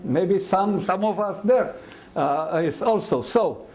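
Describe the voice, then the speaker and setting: Older man lecturing, higher voice. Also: expressive, darkish tone. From Mandate Palestine. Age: 70s or older. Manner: explanatory, halting, with many fillers and restarts. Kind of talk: university lecture.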